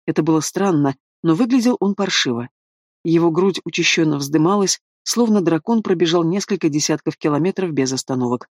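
A man narrates a fantasy novel in the first person, with steady, even delivery. His voice is fairly high for a man. It is recorded close and dry, with no room echo. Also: fairly quick. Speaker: audiobook narrator.

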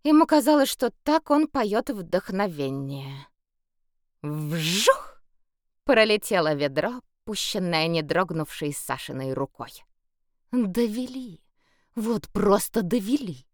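A woman narrating an audiobook in a lively, expressive storytelling manner. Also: mid-range voice, slow pace, no room sound, clean studio sound. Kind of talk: scripted narration.

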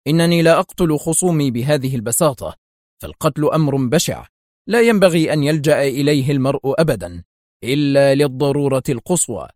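A man reading the lines of a cool, stern male secret agent in an audiobook, calm and measured. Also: mid-range voice, dry recording, clean studio sound, close to an everyday voice.

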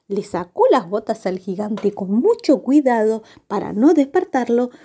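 A woman storyteller reading a children's tale for the radio. Her voice is mellow and slightly high, and she tells the story gently and expressively. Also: slightly rough.

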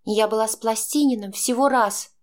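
A woman voicing a defiant young pregnant daughter who speaks in an agitated, sharp way. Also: on the high side, moderate pace, close to an everyday voice.

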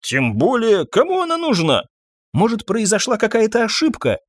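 A man voicing a calm, indifferent hotel manager who speaks in an unhurried, dryly evasive way. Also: high-pitched, dry recording, clean studio sound, pitched above the performer's own voice, exaggerated voice. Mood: dismissive.

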